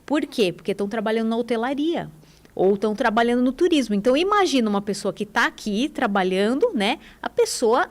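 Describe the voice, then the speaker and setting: A woman's voice: fairly high pitch, sing-song, brisk. Chatty Brazilian woman on the radio. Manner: chatty, enthusiastic, many tag questions. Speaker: radio guest, English teacher. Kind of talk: casual radio conversation.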